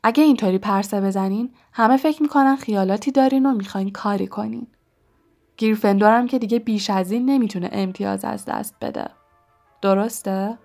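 A woman voicing a cold, sneering male schoolmaster who speaks in a smooth, oily, threatening way in a storybook reading. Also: medium pitch, a little mellow, faint music behind, natural voice. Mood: menacing.

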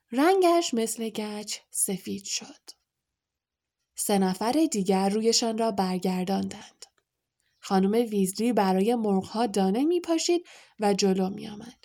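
A woman reading a storybook aloud as narrator in a calm, even manner. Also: mid-range voice. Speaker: audiobook narrator.

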